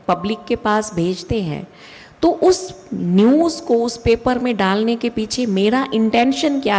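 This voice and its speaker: A woman giving a slow, deliberate spiritual talk with emphatic rises in her voice. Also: mid-range voice, darkish tone. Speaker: spiritual speaker. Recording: long hall reverb.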